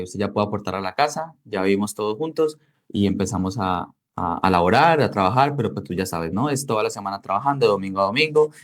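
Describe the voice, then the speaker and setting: Speaking as an interview guest, a young Colombian man in his twenties shares his personal story in a relaxed, conversational way. He's from Cali and works as a digital marketing entrepreneur, and his accented voice has a fairly low pitch and a darkish tone.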